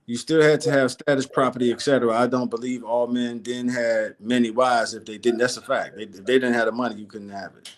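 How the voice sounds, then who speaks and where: A man's voice: medium pitch, steady tone, a little fast, hardly any pauses. Give me a man, easygoing as he hosts a casual chat show. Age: 40s. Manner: laid-back, reads viewer comments aloud. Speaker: show host.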